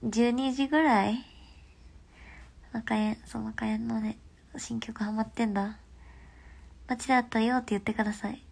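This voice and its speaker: A young woman chats on a phone livestream in a raised, gravelly voice with plenty of fry. Her nose is stuffed up, so her speech sounds nasal. She talks in a relaxed, rambling way and keeps slipping into soft half-whispers. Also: fairly high pitch, moderate pace, long pauses. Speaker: livestream host. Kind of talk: casual livestream chat.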